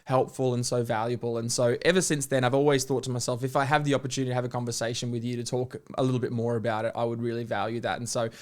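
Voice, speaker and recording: Man, podcast host, eager, quick, mid-pitched. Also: little pitch movement. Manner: enthusiastic, quick-talking with fillers. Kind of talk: casual interview.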